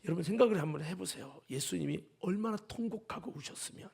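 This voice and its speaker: Gravelly Korean pastor with shouted peaks. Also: male voice, high voice, quick pace. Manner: swings from hushed whispers to shouted peaks; jokes with and calls on congregation members. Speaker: senior pastor. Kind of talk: Sunday afternoon sermon.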